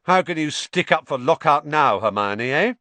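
A man's voice: mid-range voice, sing-song, a little slow, fairly bright tone, no room sound. A man voicing a cheeky, blunt teenage boy wizard.

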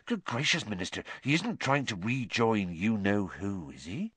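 A man's voice: on the low side, very animated, normal speed, a bit bright, husky, no echo, voice pushed up, heavily acted. A man voicing an eager, gossiping landlady in a storybook reading. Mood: hushed, alarmed.

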